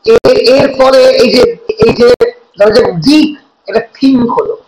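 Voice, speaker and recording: A man's voice: very high voice, fairly even intonation, a little slow, noisy background. A male college teacher with a Bengali accent, explaining step by step and asking his students questions as he goes. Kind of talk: lecture in Bengali mixed with English. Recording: echoey room.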